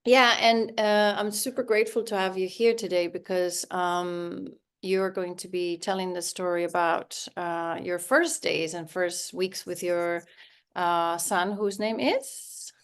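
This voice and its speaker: Lower-voiced woman hosting an interview. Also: steady tone, clear, resonant tone. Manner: friendly, laughs often, halting with fillers. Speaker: podcast host, interviewer.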